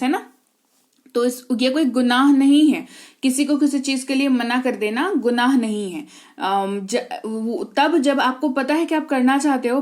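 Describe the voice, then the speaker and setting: A woman teaching spoken English, explaining in Hindi and saying each English sentence slowly and clearly. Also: sits high.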